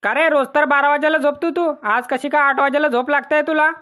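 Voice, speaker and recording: A man voicing a nagging, sharp-tongued older village mother in a cartoon, speaking. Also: very high-pitched, fairly even intonation, brisk, voice pushed up. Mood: grumbling. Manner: scolding, bossy.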